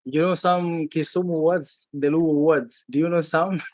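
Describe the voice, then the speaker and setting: A man hosts an interview in a dry, close sound. He talks haltingly, repeating words and filling pauses as he hunts for his questions. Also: a little high, fairly even intonation, a little mellow, dry recording. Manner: hesitant, repeats words, many fillers. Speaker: podcast host. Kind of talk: hosting an interview.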